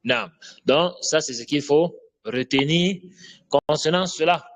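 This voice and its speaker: A man's voice: fairly high pitch, vocal fry. A man teaching an Arabic grammar lesson in French, drilling vocabulary and often checking with "d'accord?". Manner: slow, drills Arabic words, repeats "d'accord?".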